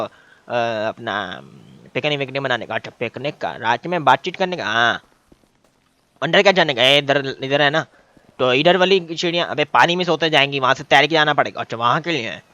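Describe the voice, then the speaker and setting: A man streaming a game role-play, loud and bossy, teasing and shouting at his friends. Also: fairly high pitch, no echo, muffled recording.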